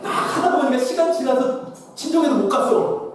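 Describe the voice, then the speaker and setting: Brief: male pastor lecturing teachers with humor, high and animated, recorded from afar in a very echoey church hall. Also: brisk. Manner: lively, questions the audience, acts out scenes. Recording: echoey hall, distant mic.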